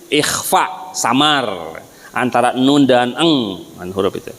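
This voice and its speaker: A man teaches Quran recitation in a mosque, chanting syllable drills slowly and explaining in quick asides. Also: medium pitch, a bit bright. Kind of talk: tajwid lesson with chanted drills. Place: mosque hall. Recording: reverberant mosque hall.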